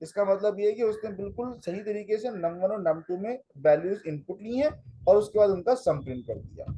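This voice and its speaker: A man's voice: sits high, expressive, brisk, mellow, husky, rough recording. A man teaching a computer lesson, explaining each step of a program as he runs it and mixing in English phrases. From Pakistan. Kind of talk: classroom lecture with live coding.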